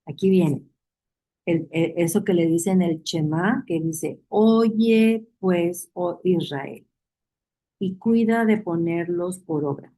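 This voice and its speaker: A woman's voice: fairly low pitch, slow pace, mellow, low-quality recording. A woman leading a Bible study class, reading verses aloud, repeating key phrases and putting questions to her listeners. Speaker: Bible teacher.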